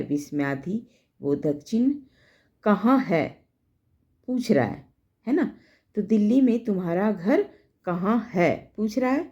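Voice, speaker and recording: A woman teacher explaining a grammar lesson, slowly going through quiz questions and repeating her points. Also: on the low side, mellow, dull audio.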